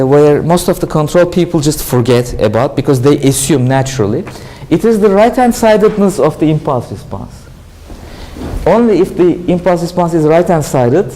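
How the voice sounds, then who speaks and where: A university lecturer with a Turkish accent, a native Turkish speaker, giving a classroom lecture and often asking questions, then answering them himself. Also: male voice, on the high side, warm tone, low-quality recording. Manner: explanatory, asks and answers his own questions. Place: lecture hall.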